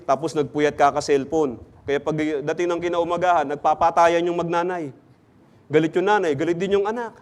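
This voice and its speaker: Man, pastor, high-pitched, interactive sermon, jokey questions to the congregation. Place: church.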